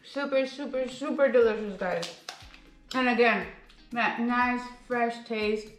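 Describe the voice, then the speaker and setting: A food reviewer's voice runs on the high side, slow and relaxed, with a bit of hiss or hum and an echoey room around it. She gushes over snacks in a casual vlog, sprinkling in Spanish phrases and nonstop "like" and "guys" in a bubbly way.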